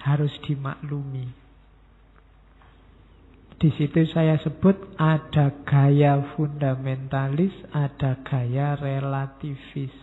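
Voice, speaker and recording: A middle-aged man, giving a relaxed, joking philosophy lecture to students and slipping in words. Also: mid-range voice, takes it slowly. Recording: tinny phone-like sound in a long-reverb hall.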